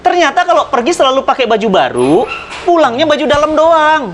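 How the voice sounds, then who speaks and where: Animated storytelling preacher man. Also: fairly quick, slight background noise. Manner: dramatic, swings pitch and loudness while acting out anecdotes; addresses listener directly, persuasive. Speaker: Islamic preacher. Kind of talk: animated religious storytelling in conversation.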